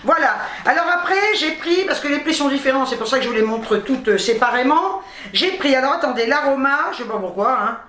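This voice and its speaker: Chatty fast-talking woman, echoey room. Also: sits high, animated, sharp tone. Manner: chatty, self-mocking, talks fast and stumbles over words. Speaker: vlogger showing a grocery haul. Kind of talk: casual chat to camera.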